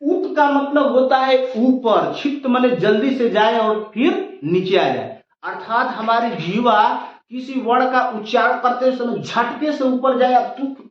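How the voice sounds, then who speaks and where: A man teaching Hindi pronunciation as a classroom lecture, patiently repeating sounds and asking questions he then answers himself. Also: very high-pitched. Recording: echoey room, distant lo-fi mic.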